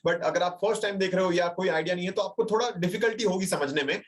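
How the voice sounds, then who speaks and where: A man's voice: high-pitched, fast talker. A young man with an Indian accent teaching a live webinar tutorial, chatty and reassuring, mixing English phrases into his talk and checking in with viewers. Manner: reassuring, addresses viewers directly and reads chat replies aloud. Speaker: digital marketing trainer. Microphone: computer mic on a webinar call.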